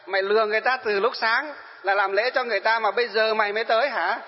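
A man voicing an angry young man who shouts insults and accusations. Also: extremely high pitch, fast, voice pushed up. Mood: furious. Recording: dull reverberant hall.

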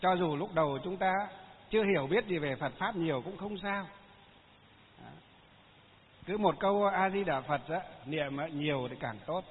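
A Buddhist monk gives a chatty Dharma talk, his voice pitched high for a man. The sound is thin and phone-like, carried in a hall with a long echo. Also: moderate pace, pauses often. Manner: folksy, chatty storytelling with frequent fillers.

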